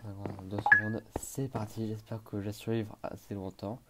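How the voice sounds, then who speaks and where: A man's voice: lowish voice, level tone, normal speed, very noisy. A young man giving casual gameplay commentary, hesitant with many fillers, talking to himself and breaking into panicked exclamations. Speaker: gaming YouTuber.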